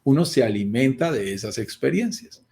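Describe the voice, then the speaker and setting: A man giving a lively motivational talk to a group, often acting out little quoted voices. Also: medium pitch, normal speed, creaky. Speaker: guest speaker. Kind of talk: motivational talk on a video call.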